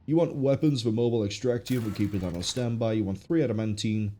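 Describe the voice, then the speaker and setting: A man's voice: lowish voice, fast, mellow, slight background noise. A man with a stuffy nose, sounding ill, gives casual gameplay commentary as a streamer, musing and thinking aloud. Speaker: game streamer. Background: game music.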